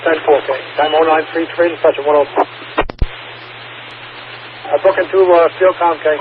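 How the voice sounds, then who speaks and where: A man's voice: a little high, steady tone, moderate pace. A man working as a fire dispatcher, reading out times and codes procedurally over two-way radio. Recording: tinny, noisy fire dispatch radio channel.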